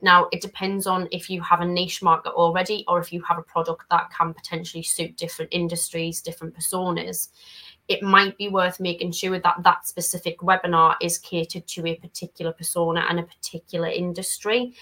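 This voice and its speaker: A woman's voice: lowish voice, flat delivery, fairly quick, pushed and bright, rough recording. A woman on a panel discussion, giving practical advice in an emphatic, advisory way.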